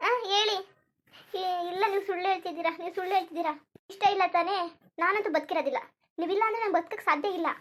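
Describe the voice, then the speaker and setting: A woman's voice: extremely high pitch, very fast, a bit bright. A woman voicing a lovesick, clingy young woman in a cartoon, pleading and repeating herself insistently. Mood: desperate. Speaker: cartoon character. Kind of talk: Kannada cartoon voice acting.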